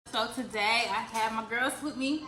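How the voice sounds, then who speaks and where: A woman, hosting a casual mukbang chat with friends, relaxed and talkative. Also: a little high, fairly quick. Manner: relaxed, chatty, laughs often. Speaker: channel host. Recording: echoey room, faint background noise.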